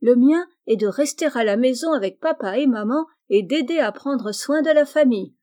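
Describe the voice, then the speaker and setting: A shy, gentle teenage girl, as a woman reads her, soft and content. Her voice lifts a little above the reader's own and is somewhat louder, mellow in tone. A storybook reading. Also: on the high side, normal speed, natural voice.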